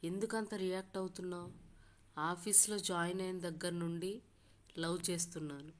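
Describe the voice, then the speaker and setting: An earnest young man from an audio story, pleading and sincere, his words given in a low, unhurried voice. A woman reads him in her own slightly low tone. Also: fairly even intonation, close to an everyday voice. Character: young man, earnest office colleague in love.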